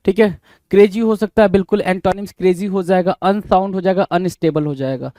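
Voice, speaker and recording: A man teaches English synonyms and antonyms in an exam-prep lesson, quizzing listeners over and over. His voice sits high and light. The sound is close and dry, with no room around it. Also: steady tone, fairly quick, dark tone, no echo. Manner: quizzing, keeps asking "bhai?" then answering.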